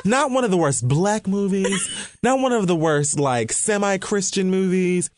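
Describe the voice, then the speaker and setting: A man's voice: high voice, unhurried. A man in casual chat, ranting comically and acting out what others said. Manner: animated comic ranting, acts out quotes.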